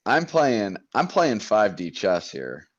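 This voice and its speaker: A man's voice: lowish voice, huge pitch swings, slow pace, dull audio. A man chatting over a voice call while playing a board game, boasting in a playfully grandiose, mock-formal way. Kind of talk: casual voice chat while gaming.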